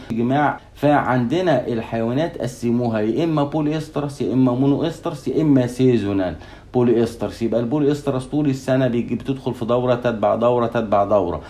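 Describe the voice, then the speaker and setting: A man's voice: medium pitch, warm tone. A man with an Egyptian Arabic accent giving a lecture, mixing English terms into his explanations and asking and answering his own questions. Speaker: veterinary anatomy lecturer. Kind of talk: recorded lecture.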